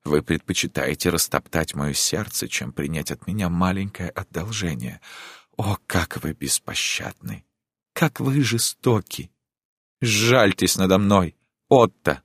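A man's voice: sits low, animated, unhurried, fairly bright tone, no room sound, pitched above the performer's own voice, heavily acted. A man voicing a passionate pleading countess. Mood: imploring. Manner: dramatic, impassioned, imploring. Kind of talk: audiobook character reading.

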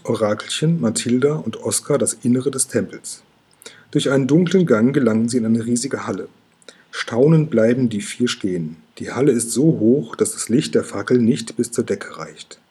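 A man narrating a children's storybook in a very husky, breathy voice. His tone is dark and mellow, calm and hushed. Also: mid-range voice, normal speed. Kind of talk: reading a children's book aloud.

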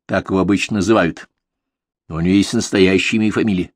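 A man reading a brash young male crime go-between in an audiobook, pushing his voice higher and louder when angered. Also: fast, no room sound, clean studio sound. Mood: businesslike. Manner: excitable, loud when angered.

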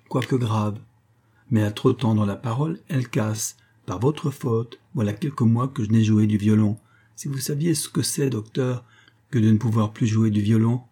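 A man's voice: fairly low pitch, dark tone, slightly rough. A man reading a storybook, voicing a mad middle-aged male violinist who pleads and rages, urgent and raised.

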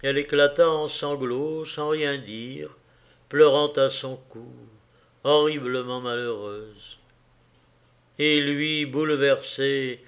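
A man reading a classic novel aloud in a measured, solemn manner with long pauses. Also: mid-range voice. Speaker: audiobook reader. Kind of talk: literary narration.

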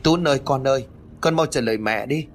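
A man voicing a frantic young mother who calls out urgently, half-shouting. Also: medium pitch, expressive, normal speed, a little hiss or hum, close to an everyday voice. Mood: panicked. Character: frantic young mother searching for her son.

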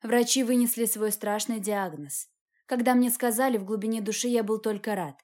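A woman reading a first-person novel aloud as an audiobook, in an even, measured way. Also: on the high side. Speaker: audiobook reader.

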